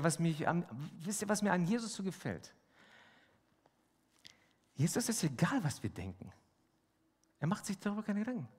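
A male preacher with a high, lively voice that swings widely in pitch as he delivers an emphatic sermon. He keeps turning to his listeners with rhetorical questions. His voice carries a long reverb from a large church hall.

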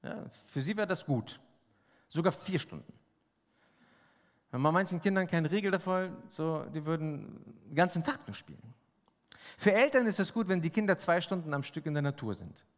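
A man's voice: on the high side, animated, normal speed. A man preaching a sermon, speaking emphatically and asking the congregation rhetorical questions. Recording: long hall reverb.

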